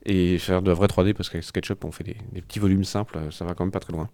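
A man's voice: low voice, level tone, fast talker, darkish tone, no echo. A man co-hosting a podcast, reading out and discussing tech news in a casual, hesitant way with many fillers and restarts. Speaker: podcast co-host reading a tech press review.

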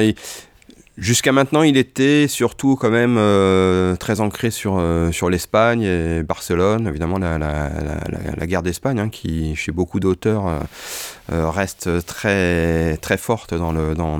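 A bookseller presenting authors in a relaxed chat, hesitant, with many fillers and restarts. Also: male voice, low voice, clear, resonant tone, no room sound.

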